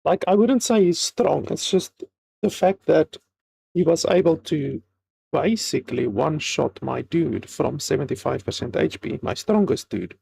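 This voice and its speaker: A man's voice: on the high side, sing-song, measured pace, gravelly, dark tone, breathy edge, low-quality recording. A man giving casual gameplay commentary, offhand and swearing freely, sometimes reading game text aloud. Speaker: video game streamer playing and commenting.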